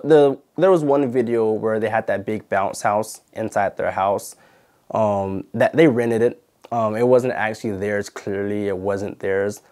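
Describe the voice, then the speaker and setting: A man's voice: fairly low pitch, a little mellow. A young man telling a story to camera in a casual, indignant way, full of "like" and "you know". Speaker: channel host and former videographer.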